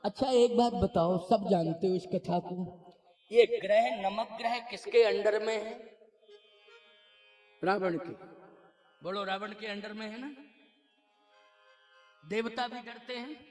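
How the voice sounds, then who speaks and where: High-voiced preacher singing scripture slowly. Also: male voice, fairly even intonation, a little mellow. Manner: sings verses slowly, drawn out; asks the audience questions. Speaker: spiritual preacher. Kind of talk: devotional scripture storytelling sermon. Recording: echoey hall with music behind.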